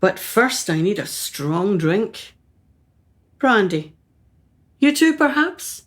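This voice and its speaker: A woman with a mid-range, very animated voice speaks slowly as a haughty, self-absorbed upper-class mother in a radio play. Flustered and imperious, she is brusque and talks in clipped phrases.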